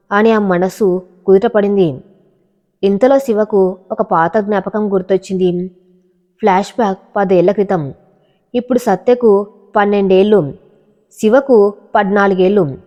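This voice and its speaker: A woman giving a steady, dramatic scripted narration of an audio love story. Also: mid-range voice, long reverb tail, lo-fi sound.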